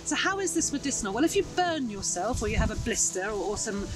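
Out in a hedgerow lane and woodland, a woman in her thirties teaches about wild plants with bright, chatty enthusiasm. Her fairly high voice swings widely in pitch and she talks fast. The mic is distant, music runs underneath, and the audio is poor.

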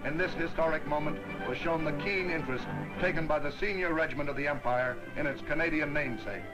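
A man narrating an old 1940s newsreel in a brisk, ceremonial announcer's manner. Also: a little high, low-quality recording. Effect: old 1940s newsreel sound. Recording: narration over loud band music.

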